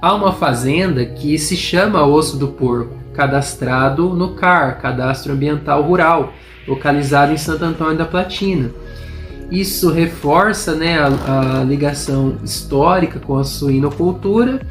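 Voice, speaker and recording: A young history student from Norte Pioneiro in northern Paraná, Brazil, hosts a history podcast with a caipira Portuguese accent, narrating informally and hesitantly with lots of fillers and restarts. His voice is a little high and unhurried, with faint music behind.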